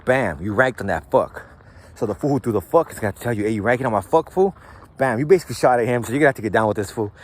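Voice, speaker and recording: Rapid-fire and with lively intonation, a medium-pitched man hosts a show, spinning stories in a loose, slangy, profane way with plenty of "like" and "right?".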